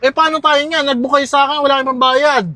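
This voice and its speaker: A courteous driver whose patience keeps wearing thin, as a man acts him out. His voice is high for a man, and he. Steady music runs under him the whole time. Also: quick pace. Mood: exasperated. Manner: polite but exasperated, uses po and ho. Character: exasperated male ride-hailing driver. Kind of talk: comedy skit acting.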